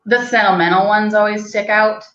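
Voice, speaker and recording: A young woman who guides hunts and works as an outfitter in Canada tells chatty, rambling stories for a casual interview, laughing often and saying "like" a lot. Her medium-pitched voice is steady and fairly bright, at a moderate pace. The recording is muffled and roomy.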